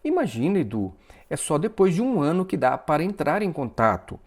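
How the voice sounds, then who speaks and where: A man's voice: on the high side, big pitch swings, fairly quick. A man voicing a cheerful, chatty young woman trying to help her friend, in a read-aloud story.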